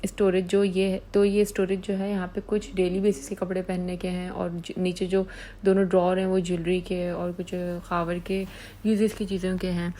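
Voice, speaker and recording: A woman's voice: fairly low pitch, level tone, normal speed, dark tone, low-quality recording. A woman from Pakistan giving a chatty, affectionate vlog tour of her small apartment, repeating words like "pyari si". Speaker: vlogger.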